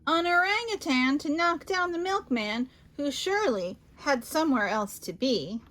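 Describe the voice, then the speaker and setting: A woman reading children's picture books aloud as a storyteller, theatrical and expressive with dramatic pauses and emphasis. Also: high voice, slight background noise.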